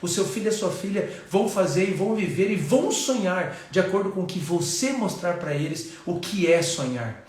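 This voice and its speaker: A man's voice: high-pitched, animated, brisk, hardly any pauses, a little mellow. A Brazilian Portuguese-accented man preaching a sermon as a pastor, earnest and repeating his phrases. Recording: very echoey room.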